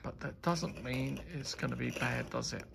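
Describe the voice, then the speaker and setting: A man's voice: mid-range voice, normal speed, gravelly, heavy background noise. A man chatting casually as he reviews a beer, rambling and enthusiastic as he tastes. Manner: rambling, enthusiastic tasting remarks.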